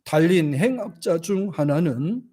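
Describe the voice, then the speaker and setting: A man preaching in a church, his somewhat high voice husky and dark-toned. He swings his pitch widely, and now and then he acts out the quoted lines of scripture figures. Every so often he stops to lead the congregation in reading verses aloud. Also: expressive, a little slow. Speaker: pastor. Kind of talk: sermon. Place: church sanctuary.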